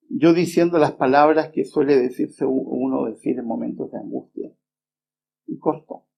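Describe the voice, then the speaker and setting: A middle-aged man preaching a sermon, earnest and unhurried, often pausing with small hesitations as he tells a personal story. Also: medium pitch, vocal fry, dark tone, slight background noise. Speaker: preacher and Bible teacher. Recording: dull lo-fi remastered recording.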